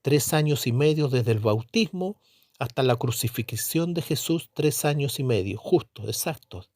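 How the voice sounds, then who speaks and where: Mellow-voiced preacher man, dry close sound. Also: medium pitch, lively intonation, measured pace, dry recording. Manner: emphatic, asks and answers his own questions; repeats tag question "¿no es cierto?". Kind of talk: Bible teaching sermon.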